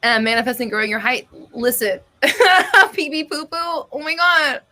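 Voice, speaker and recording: In an easygoing live-stream Q&A, a woman reads viewer comments and replies bluntly and chattily, cursing often and breaking into gasps and high laughter. Her voice is bright, steady, and forceful, and she takes her time.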